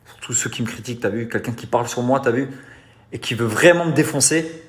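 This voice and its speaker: A man's voice: mid-range voice, brisk. A man talking casually to his followers, boastful and repetitive, challenging his critics to a fight. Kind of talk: casual vlog talk.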